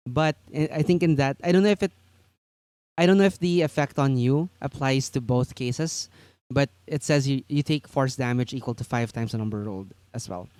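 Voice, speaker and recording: Easygoing young male host from the Philippines, smooth voice, dry close sound. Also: mid-range voice, normal speed, darkish tone, no echo. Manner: easygoing, explains at length, many fillers. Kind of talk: casual chat about tabletop games.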